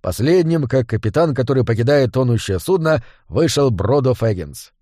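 A man reading a story aloud as an audiobook narrator, in a steady storytelling voice on a close mic. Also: mid-range voice, normal speed, no echo.

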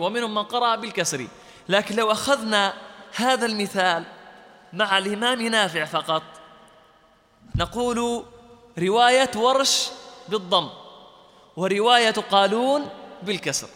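A man's voice: sits high, bright, forceful tone, in a large hall. A man teaching a Quran recitation lesson, explaining terms step by step and quizzing his listeners with questions. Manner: chants short verse quotations in lesson. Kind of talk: classroom lecture.

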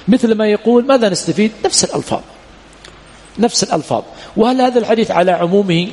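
A man's voice: high voice, a little mellow, long reverb tail. A man teaching a classroom lesson, quizzing students with questions and repeating key points. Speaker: teacher of Islamic law.

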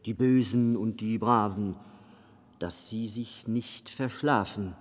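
A man voicing a small, sly gnome man in a red pointed cap, with cheeky, excitable exclamations. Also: on the low side, slow pace. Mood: incanting. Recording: long reverb with faint music behind.

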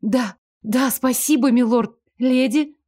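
A woman voicing a timid, eager young serving girl in a higher, soft, deferential voice. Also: slow pace, slightly rough, no room sound, studio quality, heavily acted. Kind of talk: audiobook character voice.

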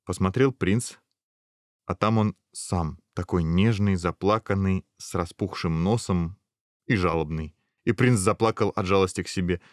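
A man narrating a fairy tale in a gentle, even storytelling manner. The recording is dry and close, with no room around the voice. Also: deep voice, unhurried, dry recording.

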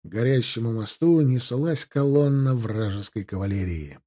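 A man's voice: mid-range voice, expressive, normal speed, mellow. A man narrating a historical war novel as an audiobook.

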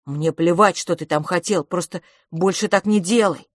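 A woman's voice: lowish voice, normal speed, dry recording, studio quality, lightly acted. A woman voicing an urgent, tearful boy. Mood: pleading. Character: boy Franciscus, frightened, pleading, loyal.

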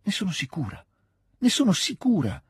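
Audiobook: male reader as a caring young woman, gentle, pleading, husky. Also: on the low side, normal speed, no echo, studio quality. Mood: tender. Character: young woman nursing her beloved, tender and anxious.

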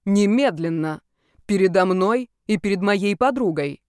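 A woman's voice: mid-range voice, expressive, a little slow, clean tone, no room sound, clean studio sound, close to an everyday voice. A woman voicing a firm, protective young man who demands an apology. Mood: demanding.

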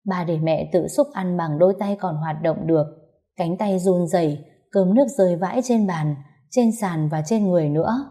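A woman narrating a story in a calm, measured reading. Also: lowish voice.

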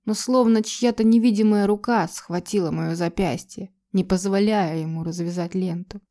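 Woman with a mellow, dark voice narrating. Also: mid-range voice. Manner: first-person, emotional, tense storytelling. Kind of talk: dramatic audiobook narration.

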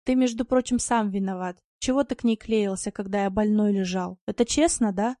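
Woman doing a gruff, brash tomcat. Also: medium pitch, fairly quick, dry recording, studio quality, natural voice. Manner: gruff, blunt and lively. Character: rough, brash yard tomcat, quick-tempered.

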